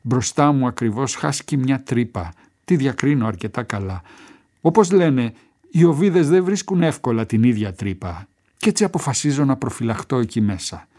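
A man reads a gripping first-person story as an audiobook. His delivery is measured and tense, at an ordinary middle pitch for a man. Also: lively intonation, warm tone. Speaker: narrator.

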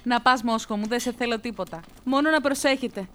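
Woman doing a soft teasing mom in a kids radio play, slightly high, hissy recording. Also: natural voice. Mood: fond. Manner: gentle, fond, teasing. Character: warm caring village mother. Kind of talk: children's radio drama.

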